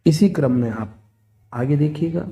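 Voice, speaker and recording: A man's voice: on the high side, measured pace. A man teaching a grammar lesson, steadily listing words and their opposites. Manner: steady, listing word pairs one after another.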